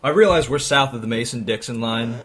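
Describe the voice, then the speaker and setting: A man's voice: mid-range voice, brisk, fairly bright tone, husky. A man chatting casually and cutting in with dry, teasing remarks. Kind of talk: casual chat.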